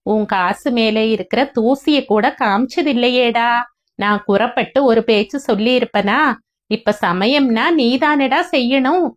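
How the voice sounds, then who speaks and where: A woman's voice: a little high, unhurried, lightly acted. A woman voicing a reproachful older mother in a storybook reading. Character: older mother, scolding and demanding.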